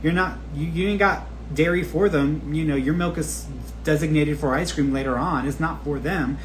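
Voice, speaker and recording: This is a slightly high male voice with a steady tone and moderate pace, heard through poor audio with faint hiss or hum. He's a spiritual teacher rambling informally on a live stream, chatting personally and openly with followers, cursing liberally and dramatizing the things people said.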